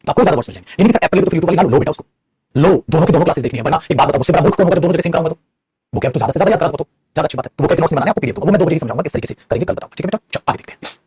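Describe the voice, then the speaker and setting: A man teaches English grammar in a lively, rapid patter, often answering himself in his students' voice. His voice is husky and a little high, and the sound is close and dry. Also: dry recording. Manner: calls students beta and mere bachche, acts out student replies. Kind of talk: online class lecture.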